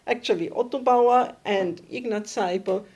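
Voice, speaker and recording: A woman from Austria, giving a conference presentation and often pausing to search for her words. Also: medium pitch, darkish tone, slightly rough. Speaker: academic conference speaker.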